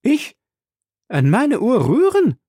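A man voicing an excitable, talkative young French manservant in a storybook reading, proud and quick to take offence. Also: fairly high pitch, dry recording, studio quality, pitched above the performer's own voice. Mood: indignant. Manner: chatty, proud, indignant.

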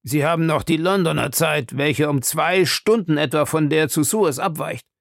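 A man voicing a sly, calculating police agent who keeps probing with smooth questions in a storybook reading. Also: a little high, normal speed, no echo, studio quality, voice pushed up.

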